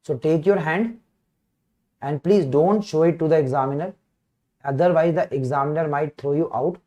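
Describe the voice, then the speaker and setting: Higher-pitched north Indian man teaching. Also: normal speed, warm tone, highs cut off. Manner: repeats phrases, checks in with students; frequent throat clearing. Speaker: medical teacher. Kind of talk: informal live online lecture.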